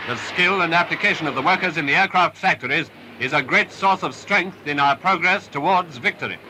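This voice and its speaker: A man narrates a wartime film in an upbeat, emphatic, patriotic style, his voice fairly high and his pace fairly quick. The soundtrack is a noisy restored one from the 1940s.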